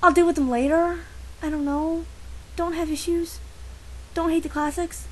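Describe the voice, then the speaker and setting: A woman's voice: very high-pitched, level tone, normal speed, poor audio. A teenage girl talking casually to her camera, rambling and sarcastic, often stopping herself mid-sentence. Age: teens. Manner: sarcastic, rambling, self-interrupting. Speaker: vlogger. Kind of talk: casual ranting vlog.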